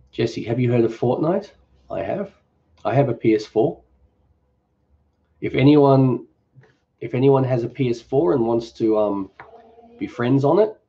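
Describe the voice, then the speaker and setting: He's a middle-aged Australian cooking host going through viewer questions on a live stream, easygoing and rambling, with plenty of jokes. His medium-pitched voice carries vocal fry, and the recording's highs are cut off.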